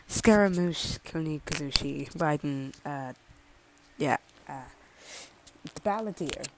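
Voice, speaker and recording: A woman's voice: low-pitched, slow pace, slight background noise, low-quality recording. A woman voicing a weary young male priest who mumbles and hesitates in a fan audio drama. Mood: tired.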